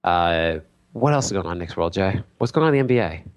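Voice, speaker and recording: A man co-hosts a podcast and talks basketball casually, his deep voice animated and fast. He's sarcastic and jokey, acting out quotes as he goes.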